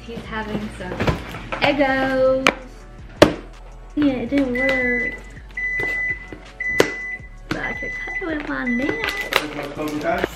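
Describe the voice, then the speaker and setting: A woman's voice: sits high, huge pitch swings, extremely slow, pauses often, loud music behind the voice. A young woman from Washington State chatting casually to a handheld camera in her vlog, full of "like" fillers. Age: young adult. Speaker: vlogger. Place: home kitchen and living room, later a car.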